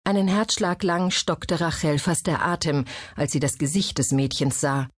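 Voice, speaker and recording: A woman reading a historical novel as an audiobook in a measured storytelling manner. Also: sits low, breathy edge, dry recording. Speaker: audiobook narrator. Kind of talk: scripted narration.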